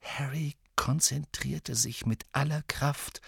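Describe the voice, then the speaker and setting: A man's voice: mid-range voice, fairly even intonation, takes it slowly, gravelly, a bit bright, breathy edge, dry recording, clean studio sound. A man narrating an audiobook in a tense, emphatic storytelling manner. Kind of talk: dramatic scripted narration.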